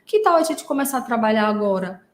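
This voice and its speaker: A Brazilian therapist hosting a podcast talks casually in a monologue, telling stories full of fillers like "né." Her voice is a little high with lively intonation, she talks fast, and the room sounds echoey.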